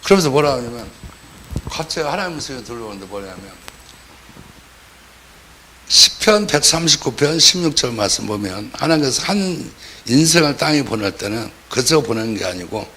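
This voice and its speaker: A man's voice: mid-range voice, expressive, moderate pace, bright, forceful tone, slightly rough. A man preaching a sermon as pastor, talking in a colloquial way and acting out the voices of the people he quotes.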